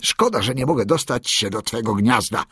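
A man voicing a brave male mongoose who talks in a brisk, commanding way. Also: mid-range voice, lively intonation, fairly bright tone, slightly rough, no room sound, clean studio sound. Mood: urgent. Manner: urgent, commanding.

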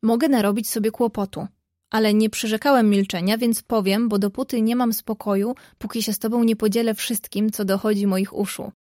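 A woman's voice: medium pitch, fairly even intonation, brisk, warm tone, no room sound, lightly acted. A woman voicing a playful, teasing young man in a read-aloud story, speaking lightly to a close friend.

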